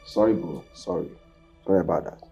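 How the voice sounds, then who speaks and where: Pompous nigerian prince, raspy sharp voice, florid big words, movie drama. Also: male voice, deep voice, fairly quick, soft background music, exaggerated voice. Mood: scornful. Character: pompous, comically wordy young prince. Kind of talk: film drama acting.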